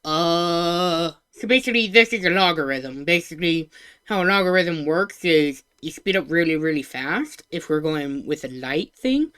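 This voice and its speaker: This VTuber has a lowish, clean-sounding voice at a normal speed. She reacts live with casual, bubbly anime-streamer cuteness, cursing and voicing her thoughts as they come.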